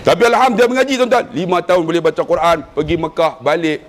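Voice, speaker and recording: A man's voice: on the high side, racing. A man from Malaysia with a Malaysian Malay accent, preaching a humorous sermon, telling stories and chanting recitation. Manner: animated storytelling with jokes and chanted recitation.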